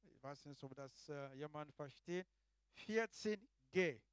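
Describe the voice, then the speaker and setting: A man preaching a sermon in a halting way, swinging between hushed asides and loud exclamations. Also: a little high, lively intonation, smooth, no echo.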